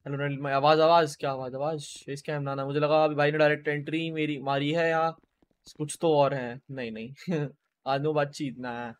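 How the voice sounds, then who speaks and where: A man streaming a game, chatting casually with his viewers and greeting them by name, speaking quietly and low-key. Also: flat delivery, moderate pace. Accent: Hindi.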